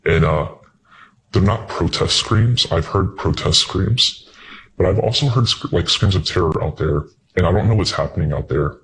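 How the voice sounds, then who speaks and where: Guy w a disguised super deep voice, kinda raspy, sounds worried. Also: moderate pace, a bit bright, low-quality recording. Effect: voice disguised, pitched very deep. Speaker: local resident caller. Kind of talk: recorded interview clip.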